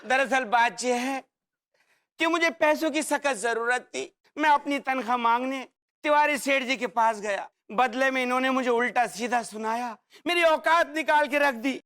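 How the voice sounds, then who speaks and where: A pleading, theatrical servant. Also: male voice, normal speed, clean tone. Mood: dramatic. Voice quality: high, bright voice. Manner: loud, dramatic, begging. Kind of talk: sitcom acting.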